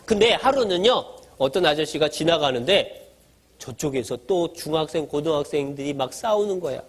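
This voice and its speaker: A man's voice: a little high, animated, normal speed. A male pastor giving a sermon to children, asking them questions and answering them himself, in a simple, playful storytelling way. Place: church gathering for children.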